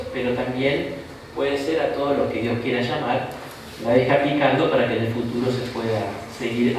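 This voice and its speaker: A bishop with a Rioplatense Argentine Spanish accent teaches an informal Bible course, chatty and jokey, often ending sentences with a rhetorical "¿no?". His medium-pitched voice is a little mellow, recorded from afar in an echoey room with a distant mic and slight background noise.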